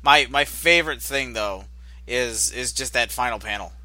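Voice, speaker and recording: A man's voice: medium pitch, moderate pace, bright, forceful tone, dry recording. A man co-hosting a podcast, talking casually about a comic issue in a rambling way with sarcastic asides. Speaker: podcast co-host. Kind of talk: casual comic book discussion.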